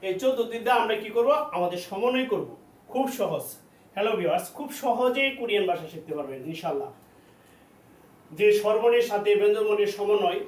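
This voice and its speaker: A man teaching a language class, slowly sounding out and repeating syllables for his students. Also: high-pitched, expressive, darkish tone. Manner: slow, repetitive drilling of syllables. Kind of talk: classroom lesson. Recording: echoey room, distant mic, faint noise.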